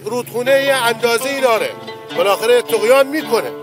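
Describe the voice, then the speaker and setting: A man's voice: extremely high pitch, music in the background. A man, a local resident, talking bluntly and with exasperation.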